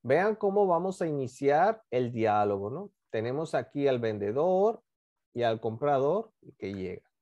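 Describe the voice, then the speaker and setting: A woman teaching English in an online class, drilling pronunciation slowly over a computer microphone. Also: rumbling low, sing-song, warm tone, dull audio. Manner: slow, drawn-out pronunciation drilling. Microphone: computer mic on a video call.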